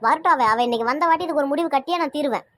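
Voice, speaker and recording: In a cartoon family quarrel, a woman voices a sarcastic, nagging mother furious enough to back her brother. She speaks with a Tirunelveli Tamil accent in a high, slightly bright voice, firing off lines rapidly.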